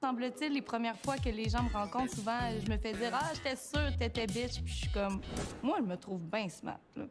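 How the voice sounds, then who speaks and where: A woman in her twenties from Quebec City introduces herself with wry self-mockery. Her voice sits somewhat high, and clear music plays behind her. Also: brisk. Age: 20s. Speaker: reality show contestant.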